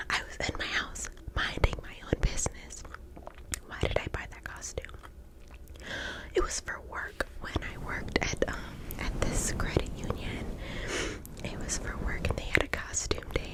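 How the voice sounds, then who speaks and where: A woman hosting ASMR, telling casual stories in a breathy, unvoiced whisper close to the mic in a chatty, rambling way. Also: low-quality recording. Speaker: ASMR host. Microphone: close-up mic with fluffy cover.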